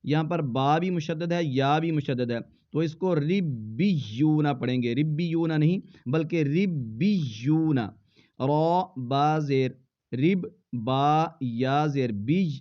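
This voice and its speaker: A man teaching Quran recitation who spells words out letter by letter and then chants them slowly in a drawn-out voice. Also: a little high. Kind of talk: slow spelled-out recitation lesson. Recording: dull lo-fi sound.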